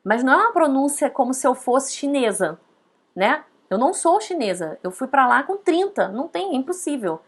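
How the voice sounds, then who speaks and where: A woman teaching a casual online lesson, chatty, often tagging her points with quick questions. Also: high voice, big pitch swings, breathy edge. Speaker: Mandarin teacher.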